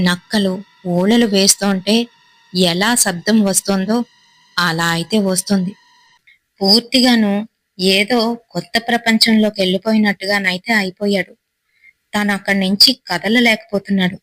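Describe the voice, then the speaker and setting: A woman's voice: medium pitch, dry recording, rough recording. Woman telling a horror story. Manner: steady suspenseful storytelling, short phrases.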